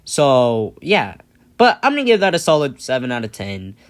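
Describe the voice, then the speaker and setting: A man's voice: medium pitch, wildly swooping pitch, moderate pace. A young man hosting a casual vlog, rambling and chatty, laughing now and then. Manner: rambling and chatty, often laughing, many fillers. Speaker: vlog host. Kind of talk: casual storytime chat.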